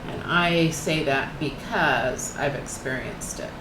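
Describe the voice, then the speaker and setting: Painting as she talks, an older channel host reflects on faith slowly and softly, her low voice slightly croaky. Her thoughts trail off and restart, and the echoey room carries a constant air-conditioner hum.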